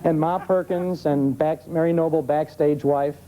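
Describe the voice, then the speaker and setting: Heard on a noisy old TV broadcast, an American man with a fairly high voice and a dark tone explains things as an old-time radio expert in a live studio interview with an audience. His pace is moderate and his intonation fairly even, with a conversational manner.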